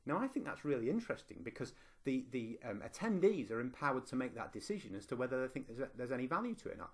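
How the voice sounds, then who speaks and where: Speaking quickly in a sing-song, slightly rough mid-range voice, a middle-aged Lancashire man from northwest England addresses teachers. He's a university lecturer and teacher, and his online conference presentation is conversational, with frequent ums and restarts.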